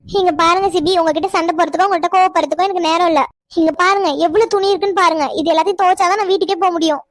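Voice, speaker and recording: A spirited young village woman who protests at everything, voiced by a woman very high-pitched and rapid. She talks back fast and indignantly. Dry, close cartoon dub. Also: steady tone, no echo. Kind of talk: cartoon voice acting.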